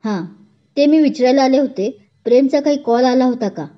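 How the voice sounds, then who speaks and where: A woman's voice: high-pitched, brisk, close to an everyday voice. A woman reading a storybook romance, voicing an older mother who is suspicious but hopeful. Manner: suspicious then warm and hopeful. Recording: dull lo-fi recording.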